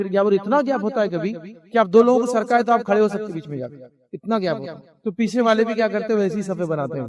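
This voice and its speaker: A man's voice: high-pitched, a little mellow. A man preaching in a conversational style, explaining with rhetorical questions and stories from his own life. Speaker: Islamic preacher. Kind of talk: conversational sermon.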